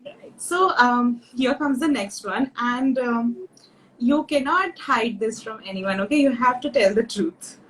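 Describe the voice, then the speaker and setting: Playful high-voiced woman host. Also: expressive, unhurried, a bit bright, slight background noise, poor audio. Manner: playful, leads a party game. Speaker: live-stream host. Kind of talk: casual live-stream chat.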